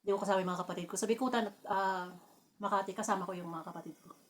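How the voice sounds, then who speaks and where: A woman from the Philippines chatting casually while eating, telling family stories with frequent laughter and lively bursts. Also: mid-range voice, rapid-fire. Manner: laughs often, animated when telling anecdotes. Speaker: vlogger.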